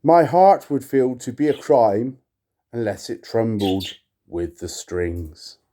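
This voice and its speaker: Against slight background noise, a sing-song, dark-toned man of medium pitch reads poetry aloud for his own video. He delivers the verse slowly and dramatically, wrapping it in wry, playful, self-mocking chatter.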